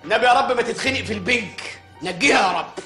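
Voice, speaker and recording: A blustering Egyptian village mayor, who rattles off exasperated comic rants at breakneck speed. His voice sits very high for a man and sounds bright and forceful. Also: reverberant, soft background music. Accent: Egyptian Arabic. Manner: rapid, exasperated comic ranting. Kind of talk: comic film acting.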